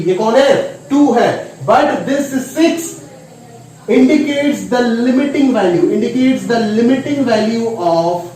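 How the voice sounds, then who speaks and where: A man's voice: sits high, darkish tone, slight background noise. A male maths teacher giving a classroom lecture, repeating questions to students and answering them himself. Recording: very echoey room, mic far off.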